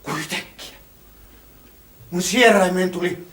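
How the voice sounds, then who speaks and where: A man performing a comic theatre monologue as a tipsy wedding guest, telling the story boisterously and swinging between shouts and hushed awe. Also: high-pitched. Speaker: stage performer.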